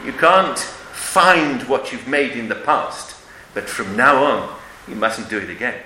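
Animated man lecturing in an echoey room. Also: medium pitch, unhurried. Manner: emphatic, questioning, uses Hebrew and Yiddish terms. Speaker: religious lecturer. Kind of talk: religious lecture with storytelling and rhetorical questions. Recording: echoey room with background noise.

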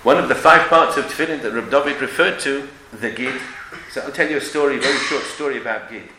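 A man's voice: medium pitch, fast talker, bright, forceful tone. A man giving an emphatic religious lecture with stories and rhetorical questions, sprinkling in Hebrew and Yiddish terms. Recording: echoey room with background noise.

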